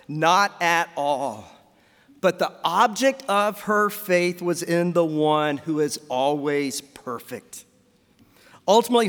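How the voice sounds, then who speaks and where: A man with a high voice preaches a sermon from the pulpit, asking questions of his congregation. His words ring out with the long reverb of a church hall. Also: a bit bright. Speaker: pastor.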